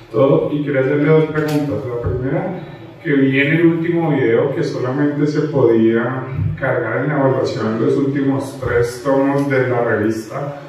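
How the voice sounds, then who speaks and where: A man's voice: medium pitch, a little mellow. A man with a Colombian accent, a journal editor, asking a panel a polite, methodical two-part question from the audience. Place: large auditorium. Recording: very echoey hall, far from the mic.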